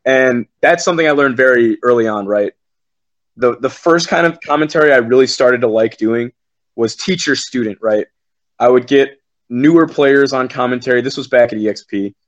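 This esports commentator talks at a moderate pace in a medium-pitched voice, though the recording is muffled. His casual podcast chat is rambling and profane, delivered with plenty of self-assurance.

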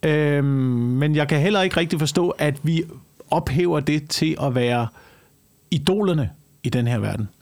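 Creaky-voiced man, slightly high. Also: a little mellow. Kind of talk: casual discussion.

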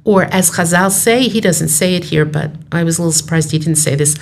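A woman's voice: lowish voice, brisk, vocal fry. A woman who teaches Torah, explaining texts emphatically in a study conversation and weaving in Hebrew terms.

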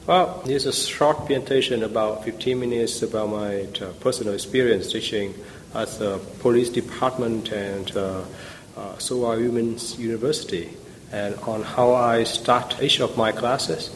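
Vietnamese-accented male guest, halting and filler-heavy, roomy reverb with low rumble. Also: steady tone. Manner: hesitant, many fillers and restarts. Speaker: guest, language teacher. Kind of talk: conversational podcast interview.

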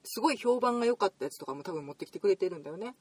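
Kansai woman co-host, quick and lively, casual podcast chat. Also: medium pitch, distant mic. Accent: Kansai Japanese.

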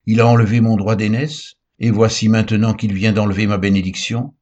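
A bitter elder son who pleads with his father after being cheated, read by a man. The voice is very low and husky, in a reading tone. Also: expressive, normal speed, darkish tone, lo-fi sound. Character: bitter wronged elder brother.

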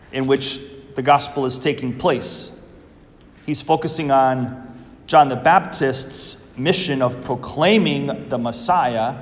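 A man serving as priest, reading the Gospel and preaching a homily in a slow, measured, earnest way, his voice ringing through a large church. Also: on the high side. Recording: long echoing church reverb.

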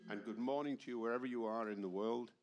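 A man in his seventies preaches to a congregation in a church hall, speaking quickly in a mid-range voice with fairly even intonation. His voice is worn from a cold, and he tends to pose rhetorical questions to the room. He's heard through an amplified microphone.

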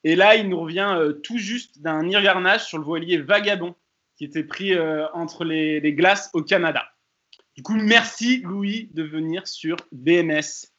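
A man's voice: fairly high pitch, a little slow, pushed and bright, muffled recording. A man hosting a podcast, introducing a guest casually with friendly, hesitant fillers. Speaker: podcast host.

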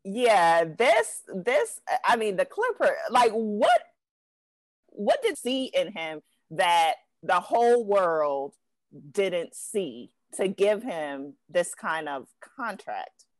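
A woman's voice: medium pitch, very animated, takes it slowly, dry recording. A woman hosting a casual sports podcast, speaking into a close podcast mic. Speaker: podcast host.

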